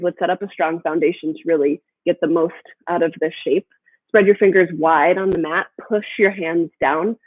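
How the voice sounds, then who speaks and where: A woman guiding a gentle yoga class in a soothing, encouraging manner. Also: fairly low pitch, narrow, tinny audio. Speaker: yoga instructor.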